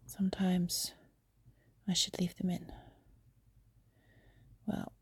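A young adult woman whispering softly and confidingly into a phone while lying in bed. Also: on the low side, monotone, no room sound. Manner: soft breathy whisper, unhurried and confiding. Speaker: amateur audio creator. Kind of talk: whispered intimate audio diary. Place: in bed, lying on her side. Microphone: phone held close.

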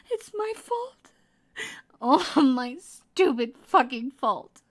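She plays a dangerous, devoted lover wracked with guilt, a tearful, clingy female psychopath in an intimate roleplay drama. Her pitch is high, and her breathy, emotional delivery drifts from sobbing to whispering.

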